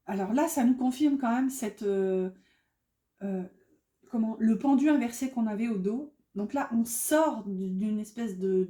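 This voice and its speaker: A woman gives a relaxed tarot reading in a somewhat high, mellow voice. She chats freely, piling up fillers and correcting her own words as she goes. The room around her sounds echoey. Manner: chatty, many fillers and self-corrections, laughs at herself. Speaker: tarot card reader.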